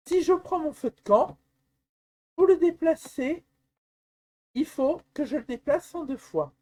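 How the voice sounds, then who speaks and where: A woman presenting a software tutorial, calmly explaining step by step with some hesitations. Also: sits high. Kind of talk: screen-recorded software tutorial.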